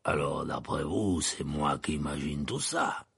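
Maugret, a gravelly old wizard. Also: male voice, rumbling low, dry recording, clean studio sound, voice pushed down, full character voice. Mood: growling menace. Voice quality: growling, gravelly. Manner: calm, threatening, slow. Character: gruff battle-scarred old male wizard, menacing. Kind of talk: audiobook character voice.

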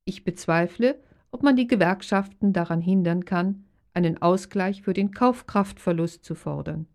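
Low, creaky female lesson reader. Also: normal speed, a little mellow. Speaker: language course narrator. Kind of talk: scripted lesson reading.

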